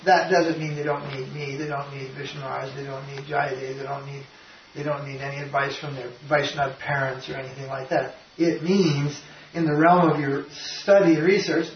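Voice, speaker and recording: An older man, a spiritual teacher, giving an informal devotional talk in a rambling, emphatic way with frequent restarts. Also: medium pitch. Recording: roomy, distant, dull lo-fi sound with faint noise.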